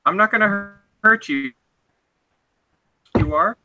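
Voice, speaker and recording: A man with a high, very bright voice, playing a tabletop game over a glitchy video call. He talks hesitantly and politely, with many restarts. The connection keeps cutting out. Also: slow pace. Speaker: player. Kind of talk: casual tabletop game play.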